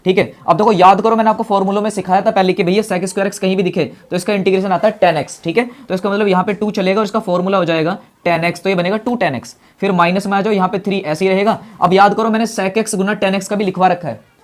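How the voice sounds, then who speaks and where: A man's voice: sits high, steady tone, fast. A man teaching a maths lesson. He asks questions aloud and answers them himself, repeats key steps, and calls his students brother in a friendly way.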